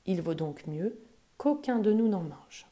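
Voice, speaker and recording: A woman voicing a calm, wise father who speaks in a hushed, half-whispered way in a storybook reading. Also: medium pitch, unhurried, lightly acted.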